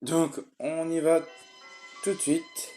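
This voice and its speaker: A man's voice: on the high side, flat delivery, slow pace, warm tone. Young French gamer man talking over music. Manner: mumbles while eating; chatty, swears casually. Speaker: gamer playing a horror game. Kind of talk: casual let's play commentary.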